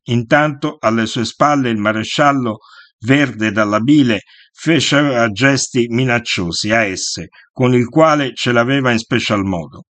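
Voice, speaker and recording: A man reads a first-person memoir aloud at a steady, measured pace. His voice sits in a middle register, neither high nor low. The recording is dry and close, with no room sound around it. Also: no room sound. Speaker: narrator.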